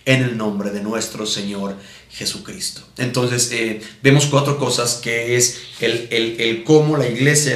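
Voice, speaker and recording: Here a Mexican-accented pastor at a missions conference preaches a didactic teaching sermon built on Bible readings, returning to his points and checking in with rhetorical questions. He has a medium-pitched, slightly bright voice, recorded with a roomy echo.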